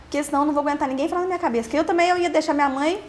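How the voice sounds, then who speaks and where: A young Brazilian woman telling her own story in a halting way, repeating words and trailing off. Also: sits high. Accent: Brazilian Portuguese. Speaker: podcast host interviewed as guest. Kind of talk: emotional personal testimony.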